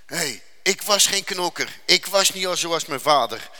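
A man's voice: fairly high pitch, animated, sharp tone. Earnest man telling his testimony in a reverberant hall. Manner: earnest, dramatic storytelling with slowed emphasis. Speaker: speaker giving a faith testimony. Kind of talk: personal testimony.

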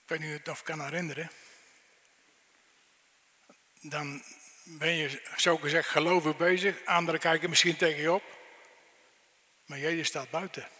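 Middle-aged guy preaching, kinda high voice, asks you straight questions, big echoey church. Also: steady tone, a little fast, bright, forceful tone. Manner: earnest, direct questions to the listener. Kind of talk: sermon. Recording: long reverb in a church hall.

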